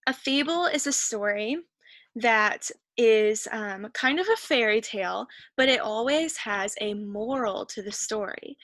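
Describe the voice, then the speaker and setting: A woman's voice: on the high side, a little slow, fairly bright tone, no room sound. A woman teacher patiently going through a reading worksheet, encouraging students and thinking aloud as she searches the text. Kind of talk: reading comprehension lesson.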